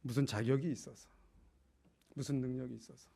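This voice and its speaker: A middle-aged male pastor preaching a sermon, rising to loud impassioned calls and dropping to quiet storytelling. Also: medium pitch, steady tone, a little fast, gravelly, slightly rough. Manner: swings from loud exclamations to quiet anecdote.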